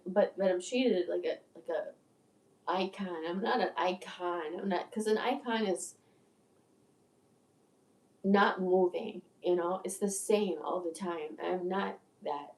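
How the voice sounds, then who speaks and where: Unhurried and a little mellow, a lowish-voiced video creator in her sixties rambles on a livestream, speaking candidly and profanely with stammering restarts. Echo fills the room, and she is set back from the mic.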